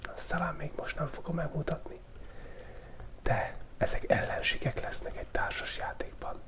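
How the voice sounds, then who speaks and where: Close to a studio mic that also catches his pen tablet, a man hosts a relaxed ASMR drawing video on his channel. His voice sits on the high side as he whispers loosely and playfully, thinking aloud while he sketches.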